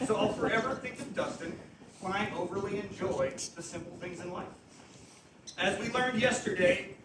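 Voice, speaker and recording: A tearful man giving a eulogy, his voice close to cracking, with wry self-deprecating humor. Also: sits high. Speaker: eulogist, army physician. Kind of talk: eulogy speech. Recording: echoey room, distant mic, background noise.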